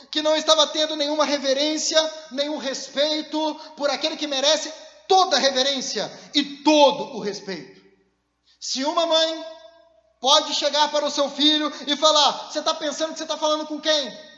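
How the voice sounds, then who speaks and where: Male pastor, very high and bright voice, humorous sermon style, slightly dull recording. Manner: humorous, conversational preaching with everyday anecdotes. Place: church hall. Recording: echoey, slightly dull church hall recording.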